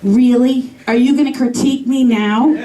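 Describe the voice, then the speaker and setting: A woman's voice: sits high, steady tone, normal speed, noisy background, pitched above the performer's own voice, natural voice. Woman doing her blunt doting mother. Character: fussy proud middle-aged mother, blunt. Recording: distant roomy stage mic with crowd.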